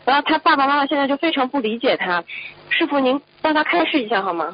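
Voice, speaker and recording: Polite high-voiced woman, dull audio. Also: lively intonation, quick pace. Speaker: caller asking on behalf of a fellow practitioner. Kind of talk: call-in question.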